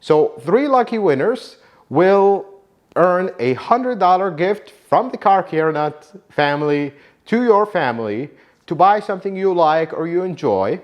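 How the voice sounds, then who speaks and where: A car mechanic from Iraq who hosts a YouTube channel gives his viewers a heartfelt thank-you. A native Arabic speaker, he sounds earnest and warmly grateful, his pitch swinging lively.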